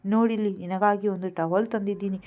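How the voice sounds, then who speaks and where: A woman reading the lines of a tender, doting older widowed mother in a storybook, gently scolding. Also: medium pitch, fairly even intonation, fairly quick, phone-quality sound, lightly acted.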